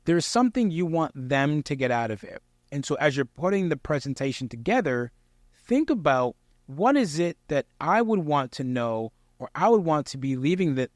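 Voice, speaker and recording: A man giving instructional tips straight to the listener in a clear, projected presenter's delivery, conversational yet emphatic and encouraging. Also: mid-range voice, no room sound, clean studio sound. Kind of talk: conversational instructional talk to camera.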